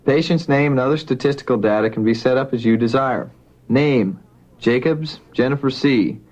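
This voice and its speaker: A man, a physician, dictating a medical report for a typist in a formal, measured, item-by-item manner, as if into a dictaphone. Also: medium pitch, a little mellow. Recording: dull lo-fi dictation recording.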